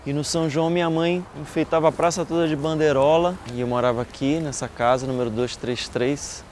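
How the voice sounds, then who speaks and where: A man from Salvador, a singer and composer, speaking in a relaxed, reflective way in a documentary voice-over. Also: on the high side, fairly quick, slight background noise. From Salvador, Brazil. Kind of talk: documentary voice-over and on-location talk. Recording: music bed underneath.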